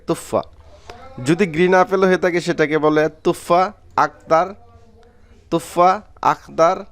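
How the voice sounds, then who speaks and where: A man from Bangladesh teaching a vocabulary lesson, repeating each word slowly and clearly. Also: fairly high pitch. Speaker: Arabic language teacher.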